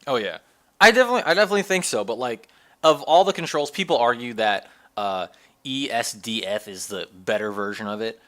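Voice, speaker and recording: A man's voice: medium pitch, expressive, brisk, bright, forceful tone. A man co-hosting a casual gaming podcast, rambling and speaking straight to the listeners. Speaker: podcast co-host.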